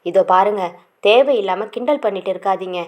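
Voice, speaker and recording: A woman voicing a shy, frightened young village woman in a romance audiobook, soft and timid. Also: mid-range voice, brisk, lightly acted. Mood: anxious. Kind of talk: audiobook character reading.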